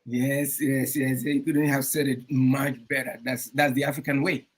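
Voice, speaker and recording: A man hosting a radio talk show in a casual, animated way, with frequent fillers. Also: mid-range voice, normal speed, breathy edge. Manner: animated, warm welcomes, frequent um fillers and laughs. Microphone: streamed studio mic.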